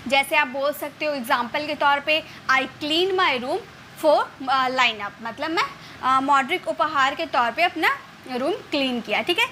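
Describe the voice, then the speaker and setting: High, bright woman teaching vocabulary. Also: expressive, a little hiss or hum. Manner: explains slowly, repeats words, many fillers. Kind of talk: casual spoken lesson.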